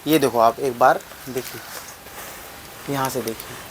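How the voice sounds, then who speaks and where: A young man giving a casual, rambling tour of an old mud house, speaking to viewers at a middle pitch. He circles back over his own phrases as he explains. There is faint noise behind him on a phone camera recording. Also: fairly even intonation, unhurried. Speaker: vlogger.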